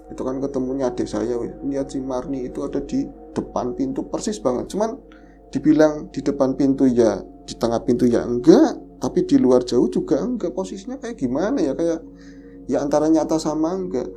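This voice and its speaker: A man tells a personal horror experience as a podcast guest. He retells it in a lively, fearful way. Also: mid-range voice, fairly quick, faint music behind. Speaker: guest storyteller.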